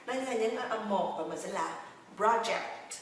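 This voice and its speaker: A woman teaching a pronunciation lesson, chatty and encouraging, drilling words by repeating them slowly and then quickly. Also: medium pitch, gravelly. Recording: echoey room, heard from a distance, faint noise.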